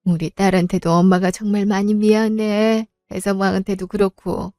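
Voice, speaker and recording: Woman as frail humble old mother, hushed and weary, audio drama. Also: medium pitch, level tone, normal speed, dry recording, clean studio sound, soft background music, pitched below the performer's own voice, close to an everyday voice. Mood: guilty. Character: frail ailing older mother, humble and guilt-ridden.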